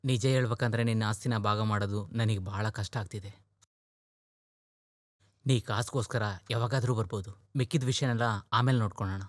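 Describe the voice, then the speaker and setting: A man's voice: lowish voice, steady tone, fairly quick, dry recording, clean studio sound, natural voice. A man voicing a worried, caring older brother in a dubbed film, speaking earnestly and coaxing. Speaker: film character in a dub.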